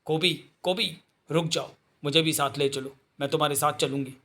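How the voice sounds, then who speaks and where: A man's voice: a little high, steady tone, normal speed, sharp tone. A man voicing a devoted young woman who calls out pleadingly.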